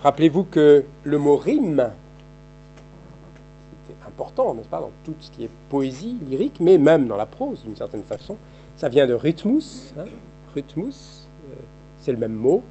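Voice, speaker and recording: A man in his fifties with a dark, mellow voice, giving an academic seminar lecture. He thinks aloud as he goes, circling back through halting restarts and repeated words. The sound is dull and lo-fi, like an old archive tape of a seminar room. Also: mid-range voice, big pitch swings, gravelly, soft background music. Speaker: historian giving a seminar talk.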